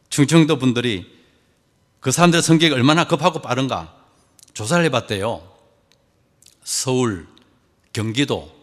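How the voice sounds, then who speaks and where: A man's voice: medium pitch, a bit bright, long reverb tail. A man preaching a sermon as pastor, joking with the congregation and asking them questions.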